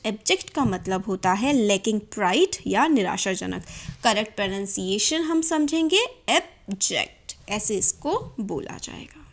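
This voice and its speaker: A woman teaching English vocabulary, giving meanings and usage and spelling out words slowly for correct pronunciation. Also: medium pitch. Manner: stretches out English example sentences slowly and carefully.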